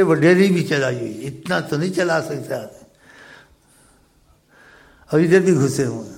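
A man's voice: fairly high pitch, a little mellow. A man giving an informal religious talk, telling stories in a chiding, conversational way. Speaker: preacher.

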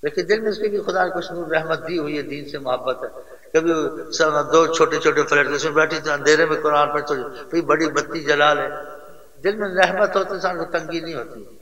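An older man speaks earnestly and rambles as he tells family stories as religious advice. His voice is bright and forceful. He was recorded from far off in a roomy hall with a long echo. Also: fairly high pitch, highs cut off. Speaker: religious elder giving advice. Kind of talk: informal religious storytelling. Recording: distant mic in echoey hall.

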